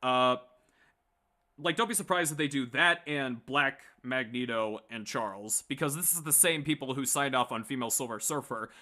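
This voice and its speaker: Medium in pitch and moving at normal speed, this man's voice is bright and forceful. He hosts a late-night pop culture commentary show, talking in a casual, opinionated way that rambles, stalls and restarts, and leans hard on emphasis.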